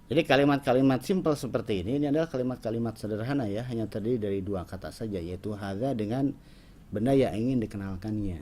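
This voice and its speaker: A man's voice: lowish voice, quick pace, slight background noise. Man teaching Arabic grammar. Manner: explanatory, lively intonation, frequent "ya" and "nah". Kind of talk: classroom lesson.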